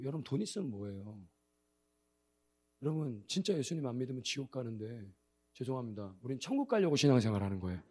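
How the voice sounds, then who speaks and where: Animated male missionary preaching. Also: mid-range voice, husky. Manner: animated storytelling, swinging between quiet asides and loud outbursts. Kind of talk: sermon. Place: church sanctuary.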